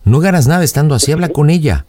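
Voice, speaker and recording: A man's voice: on the high side, animated, darkish tone, dry recording. A male radio host directing a prank call and coaching his callers on what to say. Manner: bossy, coaching callers with quick instructions.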